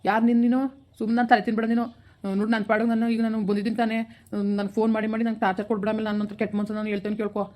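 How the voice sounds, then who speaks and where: A woman doing a stern young village guy, rural kannada accent, rattles it off fast, dark mellow voice. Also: medium pitch, monotone, close to an everyday voice. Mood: cold. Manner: curt, dismissive, repeats his refusal. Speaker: actor in a village skit. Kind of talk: village skit acting.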